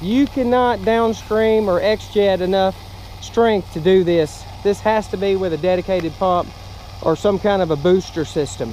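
A middle-aged American roof cleaning contractor, up on a ladder at a roofline, casually and plainly explains his work as he demonstrates it to the camera. His voice is high-pitched and a little mellow, and the low-quality outdoor action-camera recording picks up wind and machinery.

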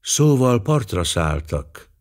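A man doing a flat, colorless reserved woman. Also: low voice, gravelly, slightly rough, heavily acted. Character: reserved, flat-voiced middle-aged woman. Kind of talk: audiobook character voice.

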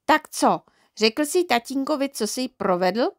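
A woman voicing an indignant mother who scolds her husband in a shrill, emphatic voice for an audiobook. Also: lively intonation, no echo, studio quality. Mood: firm, questioning. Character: stern, indignant mother of a small boy. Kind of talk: audiobook character reading.

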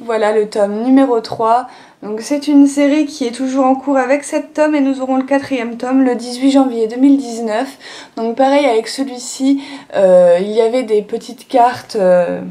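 A woman's voice: fairly high pitch, dark tone. A young woman chatting casually through a manga haul video, filling her talk with small fillers. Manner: chatty, many fillers and "donc voilà". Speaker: manga vlogger. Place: sunny room at home.

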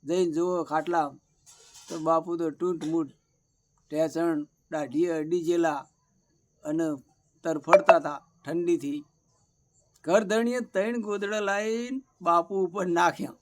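High-voiced village storyteller man. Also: fairly even intonation, unhurried, long pauses. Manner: acts out village dialogue in plain narration. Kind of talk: folk comedy storytelling.

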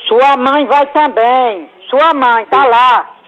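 High tinny woman over the phone. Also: takes it slowly. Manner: flat, stubborn denials. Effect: heard over the phone. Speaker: prank call target.

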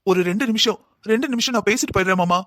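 A man's voice: sits high, rapid-fire, bright, forceful tone, no room sound, studio quality. A man voicing an earnest young husband in a cartoon drama who pleads to see his wife. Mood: pleading.

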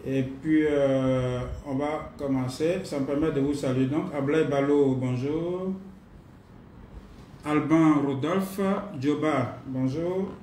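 A man leading a live online training class, greeting participants and speaking at an unhurried pace with pauses and fillers. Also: fairly high pitch, fairly even intonation, dark tone. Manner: unhurried, repeats himself, many pauses and fillers. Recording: roomy distant mic, faint noise.

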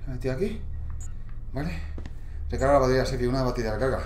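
A man's voice: medium pitch, very fast, a little hiss or hum. A man commentating a horror game, panicky and swearing. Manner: panicky, swearing, shouting in fright. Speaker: gamer. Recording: echoey room.

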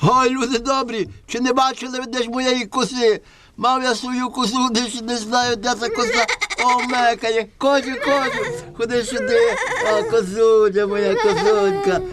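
A man's voice: very high-pitched, unhurried, fairly bright tone, a little hiss or hum. A man voicing a pleading, exclaiming village peddler with a Galician western Ukrainian accent in a folk puppet play. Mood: anxious, then relieved. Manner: exclaiming, folksy, appealing to the crowd. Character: pleading, wheedling village peddler trying to sell his goat. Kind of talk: folk puppet theatre performance.

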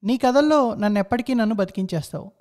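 A man's voice: high voice, fast talker, a little mellow, pitched above the performer's own voice, close to an everyday voice. A man doing a carefree young painter. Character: cheerful, fearless young male painter.

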